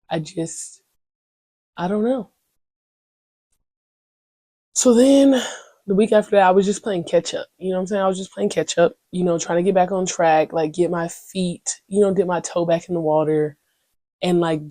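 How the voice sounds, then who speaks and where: A young woman hosts her own solo podcast, chatting candidly and rambling in slang, full of "you know what I'm saying." Her voice is lowish and dark, on a dry recording.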